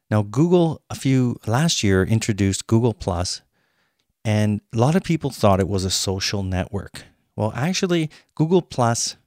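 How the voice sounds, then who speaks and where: A podcast host with a fairly low, slightly mellow voice explains topics in an upbeat, promotional manner and introduces his guest. The recording is clean studio sound with no echo.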